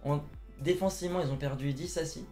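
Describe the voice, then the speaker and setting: A young man co-hosting a casual football chat, talking fast and directly to viewers. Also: a little high, darkish tone, soft background music. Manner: chatty, addresses viewers as "les gars". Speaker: football channel co-host.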